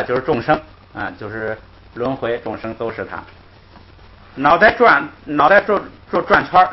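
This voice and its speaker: A man teaching a grammar class, explaining patiently, repeating himself and chuckling softly between points. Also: medium pitch. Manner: patient, repetitive, punctuates with "hey" and soft chuckles. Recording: dull lo-fi recording with faint noise.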